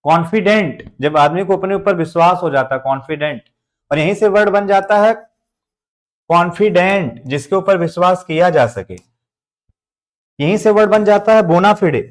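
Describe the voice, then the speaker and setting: A man with an Indian accent teaching English grammar in a live online class, joking through memory tricks and reading out viewers' names. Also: sits high. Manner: jokey mnemonic explanations, reads out viewer names; motivational.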